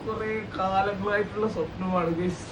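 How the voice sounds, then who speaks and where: A man's voice: sits high, fairly even intonation, low-quality recording. A man chatting casually as a travel vlogger, with some English words mixed in. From Kerala, India. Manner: mixes English words into Malayalam. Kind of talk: casual vlog chat. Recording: loud rushing noise over outdoor audio.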